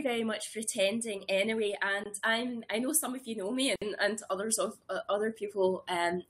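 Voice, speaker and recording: A woman in her thirties who grew up in Scotland, hosting a webinar as a herbalist from a small room at home, talking warmly and eagerly with many ums and restarts. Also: a little high. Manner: warm and enthusiastic, with frequent ums and restarts. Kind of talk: casual webinar talk. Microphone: webcam or laptop mic on a video call.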